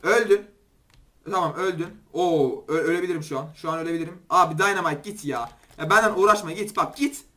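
A young man with a Turkish accent giving excitable, chatty gameplay commentary and talking straight to his viewers. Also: fairly high pitch, fast talker, few pauses. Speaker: gaming YouTuber.

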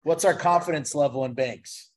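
A man's voice: a little high, moderate pace. A man giving an investment presentation to a live audience, engaging and chatty, constantly asking the crowd questions. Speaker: guest speaker, investment presenter. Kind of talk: interactive sales presentation. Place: event venue with a live audience.

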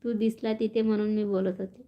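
A woman's voice: medium pitch, little pitch movement, brisk, highs cut off. A woman chatting casually on a phone live stream, reading out viewer comments and laughing often. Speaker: vlogger reading live chat.

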